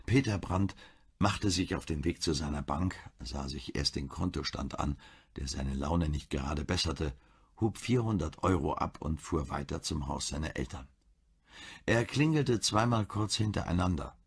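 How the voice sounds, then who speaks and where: A man reading a German crime audiobook in a calm, measured way. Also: very deep voice, slightly rough. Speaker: audiobook narrator. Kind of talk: scripted narration.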